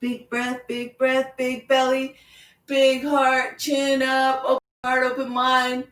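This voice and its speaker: Slow, soothing woman leading chair yoga. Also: high-pitched, completely flat delivery, fairly bright tone. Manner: slow, soothing guided cues with repeated phrases. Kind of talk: guided yoga class with visualization. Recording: echoey room, voice from far off.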